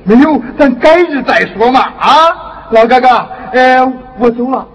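A sly, jovial old friend. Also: male voice, very high-pitched, animated, a little slow, dull audio. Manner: chatty, teasing, laughing. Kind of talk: Henan opera stage acting. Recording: reverberant stage from a distance.

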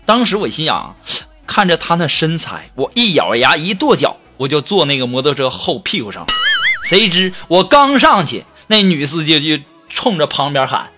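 Male comedy host, lively and high-voiced, reading jokes over music. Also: normal speed. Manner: wisecracking, animated. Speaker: radio-style comedy host. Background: background music.

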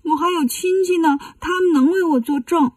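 A woman's voice: on the high side, normal speed, mellow, slightly rough, no echo, recorded from a distance. A woman storyteller voicing a sly demon who poses as a tearful little boy, whining and pleading.

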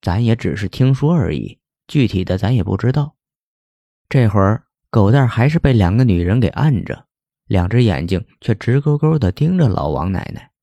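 A man's voice: fairly low pitch, very animated, moderate pace, creaky, mellow, dry recording. A man narrating a folk ghost story in a plain, conversational way.

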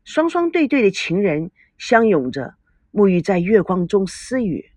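A woman narrating an audiobook of a novel in an expressive way, doing voices for every character. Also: medium pitch, unhurried, no room sound.

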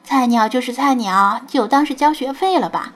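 A woman narrating a web novel audiobook in an even, storytelling manner. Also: sits high, normal speed.

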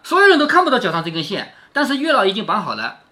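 A man reads a classic novel to his daughter and breaks off to explain it in plain, chatty words. He keeps checking in with questions, and his bright voice swoops up and down. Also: high voice, huge pitch swings, very fast. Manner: chatty, asks the listener questions. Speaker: father reading aloud to his daughter. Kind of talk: casual storytelling with explanations.

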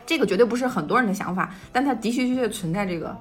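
A young woman from China co-hosting a casual podcast, telling stories in a rapid flow with frequent restarts. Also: a little high, animated, faint music behind. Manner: rapid storytelling with restarts and quoted dialogue. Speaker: podcast co-host. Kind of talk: casual conversational podcast chat.

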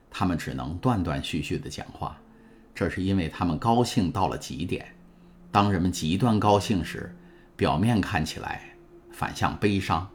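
A man narrating a novel in a calm, measured storytelling way. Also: deep voice, a little hiss or hum. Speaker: audiobook narrator. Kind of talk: scripted narration. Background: faint music.

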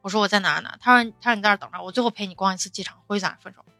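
Brief: young woman, quick and bright, storytelling, dry close sound. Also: mid-range voice, no room sound, soft background music. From Xi'an, China. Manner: animated, laughing, quotes others in dialogue. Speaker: storyteller on a podcast panel. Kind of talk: casual chat.

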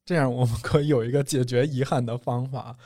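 A male podcast co-host chatting casually at an ordinary middle pitch. He jokes, laughs easily and patiently talks his friends through ideas. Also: fairly even intonation, fast talker, warm tone. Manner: jokey, laughs often, explains things patiently. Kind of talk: casual chat.

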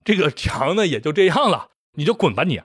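A man's voice: a little high, very animated, fairly quick, husky, no room sound. Give me a contemptuous ruler of the gods voiced by a man, scolding in a dry close sound. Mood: scornful. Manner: dismissive, scolding. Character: scornful commanding chief god, older male.

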